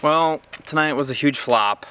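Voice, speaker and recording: A man's voice: on the high side, a little slow, sharp tone, a little hiss or hum. A young man talking through a casual outdoor vlog, chatty and easygoing, with plenty of fillers. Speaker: vlogger. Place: outdoors at a campground and lighthouse.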